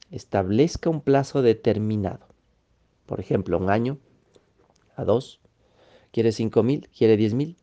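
A man's voice: medium pitch, dark tone, highs cut off. A man giving a motivational lecture, emphatic, repeating key phrases and checking in with his listeners. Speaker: motivational speaker.

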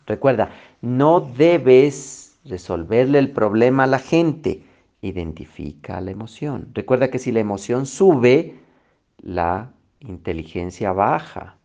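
A man's voice: mid-range voice, animated, slow, dark tone. A male coach giving a motivational lesson, emphatic, repeating key phrases and checking in with "ok", on a slightly dull recording. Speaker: coach, instructor. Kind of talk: motivational teaching talk.

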